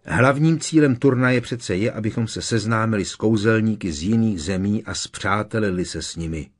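A man voicing an indignant, sharp-tongued clever teenage girl witch in an audiobook reading. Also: lowish voice, animated, breathy edge.

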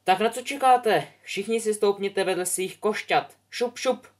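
A man voicing a brisk, impatient female flying teacher who barks loud commands at her pupils. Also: high voice, pitched above the performer's own voice, natural voice. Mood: bossy.

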